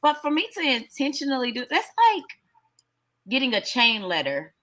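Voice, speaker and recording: A woman's voice: high-pitched, big pitch swings, normal speed, pushed and bright. A woman in a casual talk show, making emphatic points and asking pointed questions. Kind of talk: casual chat.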